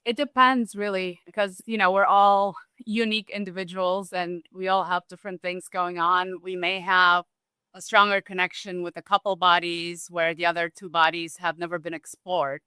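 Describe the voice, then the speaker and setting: A woman from Romania talking as a guest in a relaxed, thoughtful interview, with restarts and small laughs. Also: on the low side, moderate pace, clean tone, no echo. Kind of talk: casual conversational interview.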